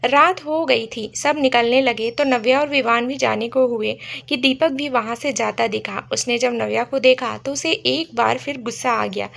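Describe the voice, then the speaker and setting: A woman's voice: a little high, vocal fry, fairly bright tone. A woman narrating a romantic story in a conversational storytelling manner.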